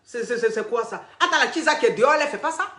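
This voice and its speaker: A woman's voice: fairly high pitch, animated, fast talker, pushed and bright, echoey room. A woman, coaching callers on a live stream in a crude, teasing, repetitive way and often laughing. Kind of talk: livestream advice chat.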